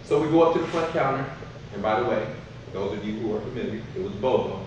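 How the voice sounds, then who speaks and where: A man giving a humorous, animated storytelling speech to an audience, laughing as he goes. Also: on the low side, fast. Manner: animated, laughs through his stories. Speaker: motivational speaker. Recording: echoey hall, voice from far off, background noise.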